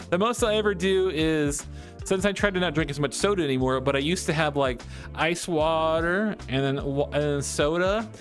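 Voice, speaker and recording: Rambly streamer dude, kinda high voice, laughs a lot, faint music playing behind. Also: male voice. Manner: chatty and rambling, giggles often. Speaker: live streamer reading chat. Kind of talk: casual chat stream.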